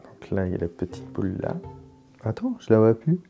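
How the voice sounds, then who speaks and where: A man's voice: on the low side, big pitch swings, a little fast, gravelly, mellow, dull audio, faint music behind. A French man hosting a puzzle video, thinking aloud casually as he works, with jokes and mild swearing. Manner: casual, swears in surprise, jokey.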